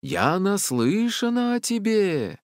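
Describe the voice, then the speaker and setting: Forest spirit voiced by a man, slow, booming, theatrical. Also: big pitch swings, dry recording, clean studio sound, exaggerated voice.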